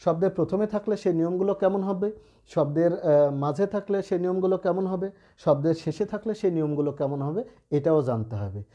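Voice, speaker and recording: A man's voice: a little high, fast talker, dark tone, muffled recording. A man teaching a lesson to students, explaining patiently with frequent check-ins and repeated phrases. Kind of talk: classroom-style lesson.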